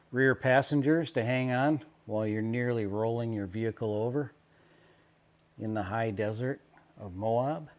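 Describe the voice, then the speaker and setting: Wry man muttering through a DIY job. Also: lowish voice. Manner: wry, self-deprecating, muttering while working. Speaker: DIY car vlogger. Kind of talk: casual how-to narration. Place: inside his own vehicle with the top off.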